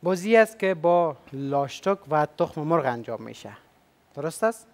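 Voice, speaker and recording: A man's voice: on the high side, very animated. A man with an Afghan Dari accent hosting a game show, upbeat and chatty, coaxing the contestants with questions.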